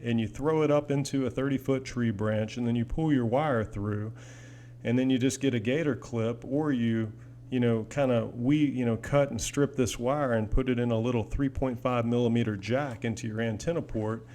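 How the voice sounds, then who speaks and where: A man with a dark, steady, mid-range voice talks at a normal speed as a hobbyist video host. Indoors in his apartment, he gives a casual product demo, chatting in a rambling, folksy, enthusiastic manner as he shows off his gear. The recording is noisy, with an audible hum.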